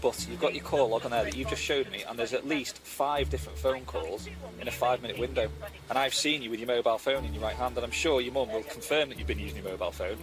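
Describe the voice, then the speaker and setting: Fast-talking policeman over music. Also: mid-range voice. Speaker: traffic police officer. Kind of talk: casual on-the-job talk. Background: music and vehicle sound.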